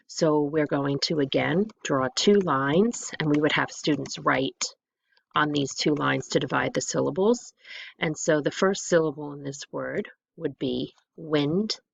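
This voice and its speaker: A woman teacher explains phonics step by step, repeating each question with methodical patience. Her voice sits low and carries a strong gravelly fry. The recording is dry and a little dull. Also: dry recording. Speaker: reading teacher.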